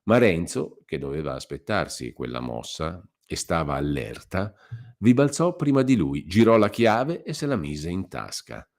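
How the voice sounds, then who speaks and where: A man giving a measured, expressive scripted reading of a classic novel for radio. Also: low-pitched. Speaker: reader.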